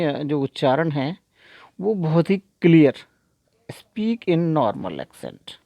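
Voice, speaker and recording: A man teaching a spoken English lesson step by step, reading out slow English example sentences. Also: a little high, gravelly, dark tone, dry recording.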